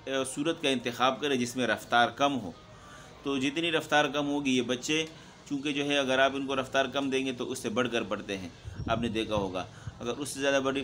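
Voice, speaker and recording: A man who teaches Quran recitation, giving a steady instructional talk to fellow teachers and often pausing to check in with them. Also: mid-range voice, a little hiss or hum. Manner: steady explaining, frequent "theek hai" check-ins.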